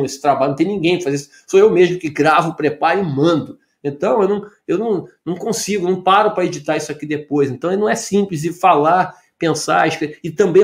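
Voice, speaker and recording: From his home office, a Brazilian tax professor with a fairly high voice comments on news about tax policy in an informal, conversational video. He speaks emphatically, stacks up rhetorical questions and uses plenty of fillers. The echo of the room is clearly audible.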